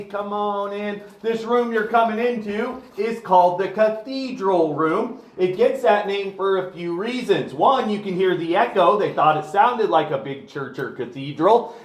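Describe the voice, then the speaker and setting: Guy giving a cave tour, kinda high voice, friendly directions, heavy cave echo, mic a bit far off. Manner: friendly, giving directions and safety tips to visitors. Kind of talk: guided tour talk to a group. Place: underground cave. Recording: echoey cave, voice heard from afar.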